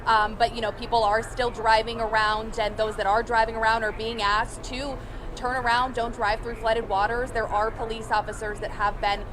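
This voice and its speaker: A woman's voice: on the high side, level tone, moderate pace. A woman giving a conversational live field news report from outdoors on a windy city street. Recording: windy street noise, clearly audible.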